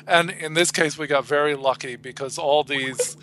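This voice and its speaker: A man's voice: fairly high pitch, steady tone, normal speed, a bit bright. A middle-aged man on a phone line, chatting as a guest and telling stories in a dry, wry way. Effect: heard over a phone line. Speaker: guest commentator. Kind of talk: casual chat.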